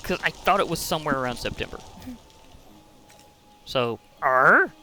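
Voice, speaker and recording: A man's voice: fairly high pitch, lively intonation, racing, sharp tone, a little hiss or hum. A man giving casual, chatty commentary while playing a digital card game, thinking aloud and laughing often. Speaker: gaming channel host.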